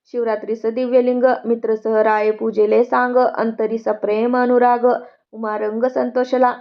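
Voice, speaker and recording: A woman chanting devotional verses one by one in a steady, measured recitation. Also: fairly high pitch, muffled recording. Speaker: devotional scripture reader.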